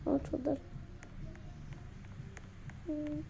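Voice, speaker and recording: A woman's voice: high-pitched, completely flat delivery, takes it slowly, gravelly, mellow, lo-fi sound, a little hiss or hum. A young woman with an Egyptian Arabic accent, playfully acting out bickering characters in a game and switching between voices. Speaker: gamer.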